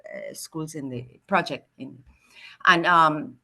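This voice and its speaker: A woman's voice: low-pitched, slow pace, vocal fry, bright, forceful tone. A woman with a Belizean Creole accent, telling stories emphatically in an interview and acting out what people said. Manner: emphatic, acts out quoted dialogue. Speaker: guest, linguistics researcher and educator. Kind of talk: animated interview storytelling.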